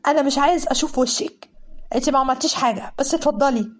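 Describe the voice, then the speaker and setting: A woman's voice: high voice, quick pace, natural voice. A woman voicing a bitter young Egyptian man. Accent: Egyptian Arabic. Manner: angry, reproachful.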